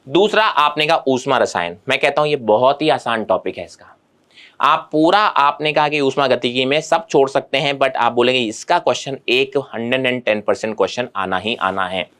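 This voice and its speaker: A man in an exam-preparation lesson, talking straight to his students and reassuring them. His voice sits at an ordinary middle pitch. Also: moderate pace, fairly bright tone. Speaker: teacher.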